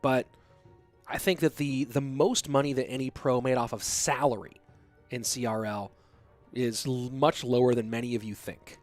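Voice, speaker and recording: Soft background music plays as this esports commentator, a young man stuffy-nosed from a cold, casts alone at a moderate pace in a mid-range voice. Between plays he chats easily, picking up questions from chat.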